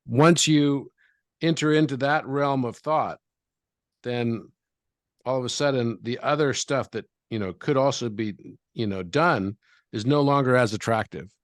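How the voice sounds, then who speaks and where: A man who is a guest in an interview, calmly explaining things and walking through examples step by step. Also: mid-range voice, measured pace, dry recording, studio quality.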